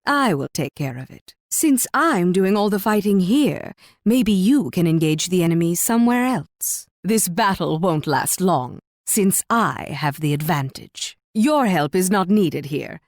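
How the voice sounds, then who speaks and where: A woman's voice: fairly low pitch, lively intonation, a little slow, few pauses, no room sound, clean studio sound. An actress playing an imperious, cruel Spanish warrior queen in a video game, commanding, condescending and taunting. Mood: smug, boastful. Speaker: video game character voice actor. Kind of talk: theatrical video game voice lines.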